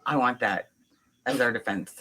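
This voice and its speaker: A woman's voice: a bass voice, moderate pace, bright, forceful tone, a little hiss or hum, low-quality recording. A woman guest on a podcast, speaking candidly in casual chat, emotional but joking, with some swearing.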